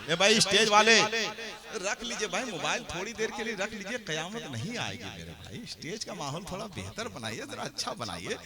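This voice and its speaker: A man hosting a religious gathering, reciting Urdu couplets in a chanting manner, repeating lines and urging the audience to respond. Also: a little high. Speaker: stage host and poet at a religious gathering. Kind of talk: Urdu poetry recitation and stage compering. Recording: live crowd at an open gathering.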